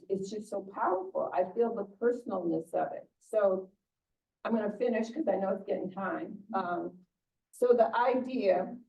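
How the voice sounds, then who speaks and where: A woman's voice: medium pitch, vocal fry, dark tone. An older woman preaches in a loose, conversational way, doubling back on her words as she goes. Her voice sits mid-range and is picked up from a distance. The recording has a dull, muffled tone. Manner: conversational, many restarts and repeated words. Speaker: pastor. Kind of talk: informal sermon talk.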